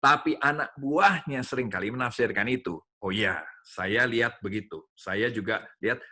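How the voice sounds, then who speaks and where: Bright-voiced man giving a lively sermon. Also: medium pitch, moderate pace. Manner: animated, addresses listeners as "saudara", acts out dialogue with his child. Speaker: speaker at a church teaching event. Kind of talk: sermon-style teaching talk.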